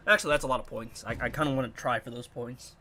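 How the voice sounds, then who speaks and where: Against a noisy background, the young gamer speaks quickly at medium pitch, his stuffy, nasal voice chatting casually about his gameplay in an animated, puzzled, rambling fashion.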